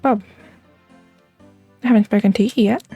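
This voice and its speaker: A woman's voice: medium pitch, moderate pace, warm tone, husky, dull audio, soft background music. A woman casually playing a video game and reading its dialogue aloud as she goes.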